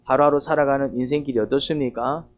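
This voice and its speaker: A man's voice: mid-range voice, fairly even intonation, fast talker. A male pastor giving a Sunday sermon. He retells a story vividly and keeps putting questions to the congregation. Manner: asks the congregation rhetorical questions.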